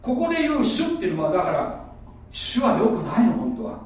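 Preaching in a teacherly manner, a pastor poses questions to the congregation in a high, sing-song voice that runs a little fast. The room is echoey, he's distant from the mic, and there's a slight hiss or hum.

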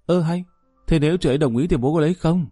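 A man's voice: on the high side, fast, dark tone, breathy edge, dry recording, studio quality, soft background music, voice pushed up. A man voicing a grown daughter who coaxes and presses her father insistently. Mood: coaxing. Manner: coaxing, insistent. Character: grown daughter, persistent and coaxing.

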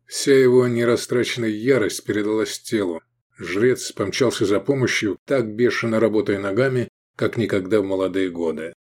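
A man narrating an adventure audiobook in an expressive reading voice. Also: fairly low pitch, normal speed. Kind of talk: scripted narration.

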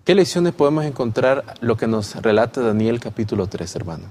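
A man leads a Bible lesson discussion at a measured, even-handed pace in a mid-pitched voice. He speaks respectfully, saying amen and turning questions to his partner as brother. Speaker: lesson study leader.

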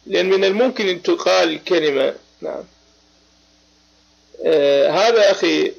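Husky and high, with vocal fry, the voice of this Iraqi host from Baghdad keeps a moderate pace. Though he has a cold, he leads a live religious debate chat emphatically, peppering it with short affirmations, and it's captured in lo-fi online voice chat.

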